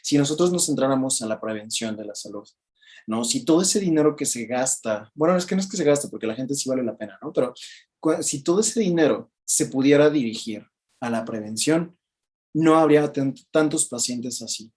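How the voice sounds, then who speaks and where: A man with a Mexican Spanish accent gives a chatty, casual book commentary, keeps asking "¿no?" and jumps up in pitch to act out quoted people. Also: lively intonation, brisk, darkish tone. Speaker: book reviewer.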